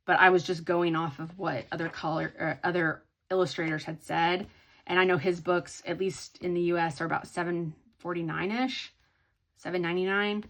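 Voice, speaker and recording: A woman's voice: lowish voice, steady tone, normal speed, a bit bright. A woman chatting casually in a hobby haul video, rambling with many ums and restarts. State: sleepy, yawning. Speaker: hobby vlogger.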